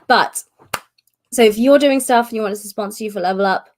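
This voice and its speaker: Hosting a publisher's live stream, a woman gives a casual update at a brisk pace in a medium-pitched voice. She's chatty and rambling, full of fillers, and her voice sounds strained from a cough.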